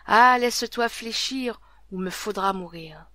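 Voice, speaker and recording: A woman's voice: mid-range voice, dry recording. A woman as a lovelorn young minstrel. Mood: pleading. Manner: slow soft half-whispered singsong verse.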